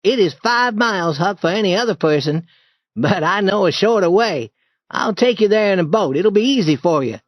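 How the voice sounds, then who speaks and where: A man voicing an eager, bold boy who leads an adventure in a storybook reading, in a lively and urgent manner. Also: high-pitched, normal speed, dry recording, pitched above the performer's own voice. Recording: dull dry lo-fi recording.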